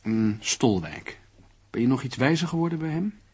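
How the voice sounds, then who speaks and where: Playing a sardonic, anxious character who talks down to an amateur detective, a radio-play actor leans into emphatic, condescending lines with a wry, thoughtful air. His voice is medium in pitch, expressive and a little mellow with a breathy edge, delivered at normal speed.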